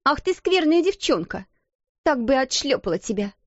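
A woman's voice: high voice, very animated, normal speed, no room sound, muffled recording, pitched above the performer's own voice. A woman voicing a spiteful older schoolgirl who mocks and sneers. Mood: mocking. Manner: sneering, mocking.

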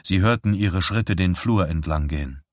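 A man reading an audiobook as narrator, calm and measured. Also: deep voice, no room sound, studio quality. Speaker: audiobook reader. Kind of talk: scripted narration.

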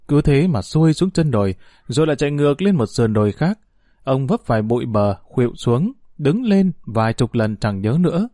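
Expressive male storyteller, mellow and dry. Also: mid-range voice, no echo. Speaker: narrator. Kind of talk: audiobook story narration.

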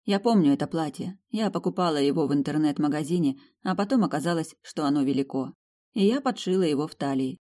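A woman reads a fantasy novel aloud in the first person. Her voice is low and mellow, and her storytelling is emotional and intimate. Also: expressive, fast. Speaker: audiobook narrator. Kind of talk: first-person audiobook narration.

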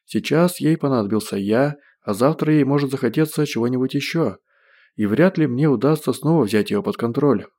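A man's voice: on the low side, animated, moderate pace, a little mellow. A man doing a wheedling, self-pitying schemer.

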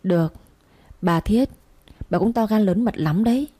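A woman's voice: mid-range voice, a little slow, mellow, breathy edge, no room sound. A woman voicing an enraged old husband and head of the house who barks stern orders.

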